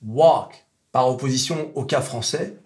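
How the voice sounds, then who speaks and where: A man's voice: medium pitch, expressive. Male teacher for a casual video lesson, native French, chatty and self-deprecating, mid-range voice. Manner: chatty, self-mocking, slow drawn-out demo words. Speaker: English teacher.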